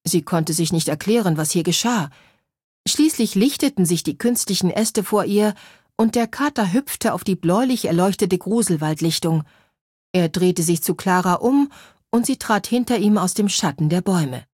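A woman narrating a children's story in a clear, measured way. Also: fairly low pitch, lively intonation, a little mellow, no room sound, clean studio sound.

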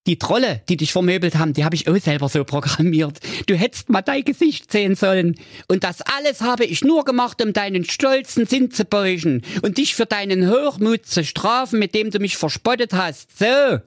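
A man's voice: high voice, lively intonation, normal speed, no room sound, clean studio sound, voice pushed up. A man voicing a boastful young king who gloats about his pranks in a raised voice. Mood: smug. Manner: smug, boastful. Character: smug prankster king in disguise.

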